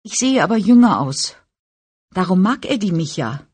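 A woman reading an audiobook, voicing a whiny, tearful young woman of eighteen who rushes her words while crying. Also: lowish voice, big pitch swings, darkish tone, husky. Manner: whining, sobbing, rushed. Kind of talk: audiobook character voice.

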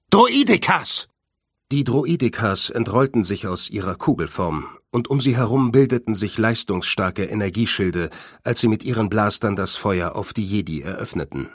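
A man reading a children's storybook aloud with calm, steady narration. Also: fairly low pitch, no room sound, clean studio sound.

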